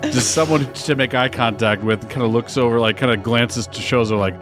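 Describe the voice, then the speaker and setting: A man's voice: mid-range voice, fairly quick. A man playing a tabletop game, casually describing what his character does. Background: music.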